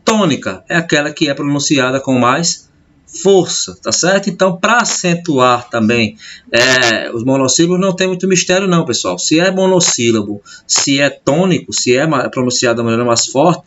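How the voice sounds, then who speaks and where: A man's voice: medium pitch, animated, moderate pace, a bit bright. A male teacher, explaining a grammar lesson step by step and often checking in with his pupils in a recorded video lesson. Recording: dull lo-fi sound with faint noise.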